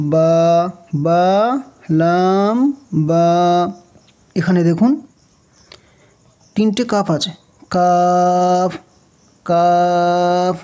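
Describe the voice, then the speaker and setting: Slow, patient Bengali teacher, man. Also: high-pitched, mellow, clean tone. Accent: Bangladeshi Bengali. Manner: patient, drills letter names slowly and repeats them. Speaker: Quran reading teacher.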